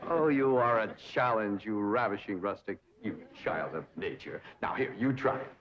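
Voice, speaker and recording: A man's voice: fairly low pitch, lively intonation, moderate pace, noisy background, lightly acted. An actor playing a pompous young man who fancies himself a cultured drama teacher, speaking in grand, theatrical tones. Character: pompous young man tutoring a country girl. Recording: dull 1960s TV soundtrack.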